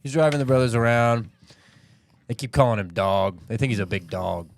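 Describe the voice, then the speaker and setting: A man's voice: mid-range voice, a little fast, creaky. A man co-hosting a comedy podcast, riffing goofily and laughing often. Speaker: podcast co-host. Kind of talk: casual comedy chat.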